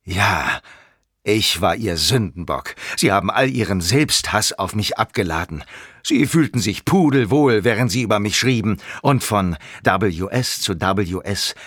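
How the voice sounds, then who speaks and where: A man's voice: fairly low pitch, expressive, a little slow, fairly bright tone, breathy edge, no room sound, clean studio sound, full character voice. A man voicing a sinister one-armed male ex-policeman villain who whines one moment and threatens coldly the next. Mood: whining. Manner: whining, then cold and menacing.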